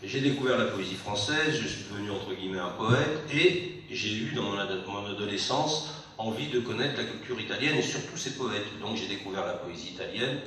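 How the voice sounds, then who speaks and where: A man's voice: fairly low pitch, moderate pace, a bit bright, a little hiss or hum. A man translator, born abroad and raised in France, speaking at a public book event, hesitant with many restarts. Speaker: literary translator. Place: meeting hall. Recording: echoey hall from far off.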